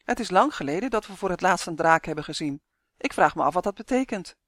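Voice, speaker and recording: A woman's voice: lowish voice, expressive, fast talker, dry recording. A tall, wise male elf from a storybook, voiced by a woman reading aloud. He speaks firmly and will not give way. The sound is dry and close. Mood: calm. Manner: firm, unyielding.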